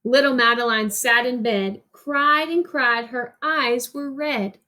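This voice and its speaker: With a bright, forceful voice on the high side, a woman performs a picture book for young listeners in teacherly fashion. She reads with lots of expression, pauses for the kids to answer, and slips in explanations as she goes.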